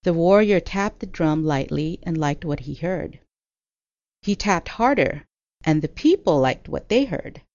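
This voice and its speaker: A woman narrating a folktale in a measured, expressive reading. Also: low-pitched, no echo. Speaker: storyteller. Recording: dull lo-fi audio.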